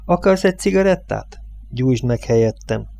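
A man's voice: mid-range voice, animated, creaky, dark tone. A man reading an audiobook voices a tense truck driver speaking brusquely with forced cheer. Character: tense male truck driver, gruff and wry.

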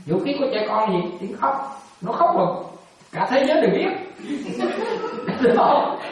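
A woman's voice: mid-range voice, animated, a little fast. Woman teacher quizzing students. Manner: keeps quizzing listeners, chuckling, casual. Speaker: Buddhist teacher. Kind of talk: dharma talk with questions to students. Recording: very echoey room, mic at a distance.

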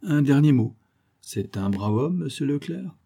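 A man's voice: mid-range voice, lively intonation, a little slow, gravelly, warm tone, voice pushed up. A man reading the part of a shrewd, playful detective in an audiobook. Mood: probing. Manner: sly, teasing.

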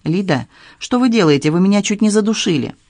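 A man's voice: sits high, animated, brisk, darkish tone, dry recording, pitched above the performer's own voice. A man doing a flustered pitiful ex-husband. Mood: plaintive. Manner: plaintive, flustered, guilty.

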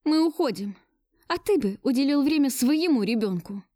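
A woman voicing a distraught young woman who confronts her lover in shrill, near hysterical outbursts. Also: expressive, brisk, a little mellow, dry recording, clean studio sound. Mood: furious.

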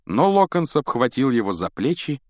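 A man narrating an audiobook in a measured, expressive storytelling manner. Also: medium pitch, no room sound, clean studio sound. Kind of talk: scripted narration.

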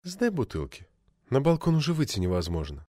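A man reading an audiobook, voicing a suspicious wife in a dry, contemptuous, creaky tone. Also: mid-range voice, wildly swooping pitch, a little fast, darkish tone, dry recording. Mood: scornful. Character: suspicious, sarcastic wife, cold and scornful.

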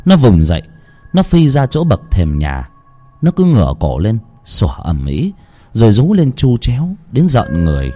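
A man's voice: mid-range voice, huge pitch swings, normal speed, dark tone, soft background music. A man who chats casually with listeners and then reads a horror story aloud in a grave, dramatic voice. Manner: chatty and joking in the intro, grave when reading.

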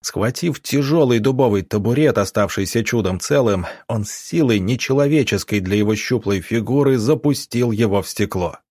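A man narrating an audiobook in a steady, measured, husky voice, recorded on a close studio mic. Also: fairly low pitch, dry recording.

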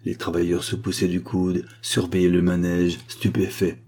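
A man narrating a work of literary fiction as an audiobook, with a measured, expressive reading. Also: sits low.

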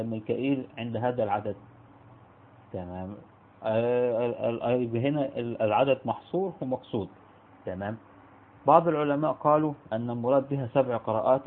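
An Egyptian man teaches a spoken lesson in a quick, gravelly voice. He keeps restarting words and answers his own questions. The sound is thin and narrow, as if it came down a phone line. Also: mid-range voice. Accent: Egyptian Arabic. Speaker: Islamic studies teacher. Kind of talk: spoken lecture.

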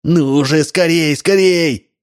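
A man's voice: on the high side, slow, pitched above the performer's own voice. A man reading a story aloud voices a frightened, evasive male double of the hero who panics and pleads. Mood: panicky. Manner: nervous, hissing, pleading.

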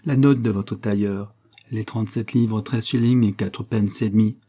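A man reading a classic story aloud as audiobook narration, in a steady storytelling manner. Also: fairly low pitch, normal speed. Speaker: audiobook reader.

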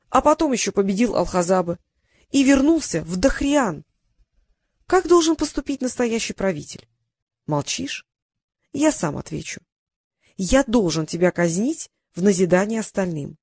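A woman's voice: fairly high pitch, darkish tone, no room sound. A woman reading as a wry, world-weary sultan. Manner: dry, reasoning, sighing ironic tone. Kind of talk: audiobook character reading.

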